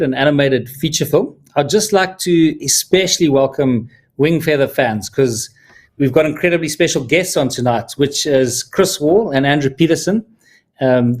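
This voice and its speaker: A man from Zimbabwe hosting a live stream as a film producer, talking in an earnest, heartfelt way with small restarts. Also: medium pitch. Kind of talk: casual live-stream talk.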